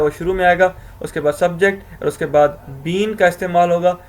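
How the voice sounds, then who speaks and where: Male grammar teacher, slightly high-pitched, talks through rules with frequent self-corrections. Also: slight background noise. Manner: explains step by step, asks himself questions, self-corrects with "sorry". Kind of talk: recorded video lecture.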